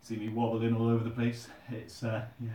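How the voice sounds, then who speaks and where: A man's voice: fairly low pitch, monotone, a little fast, mellow. A British man hosting a casual workout vlog, chatting informally while he does push-ups. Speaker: host of a fitness challenge video. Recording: roomy echo, distant microphone.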